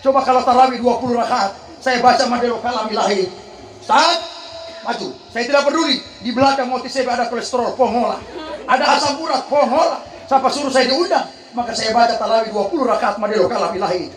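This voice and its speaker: High-voiced joking preacher in echoey hall. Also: male voice, fast. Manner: joking, call-and-response with the crowd, melodic Quran chanting. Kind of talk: humorous sermon with Quran recitation.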